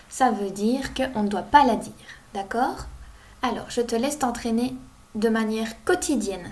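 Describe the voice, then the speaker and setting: A woman teaching young children to read, sounding out each word slowly and clearly. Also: a little high, darkish tone. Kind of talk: reading lesson for young children.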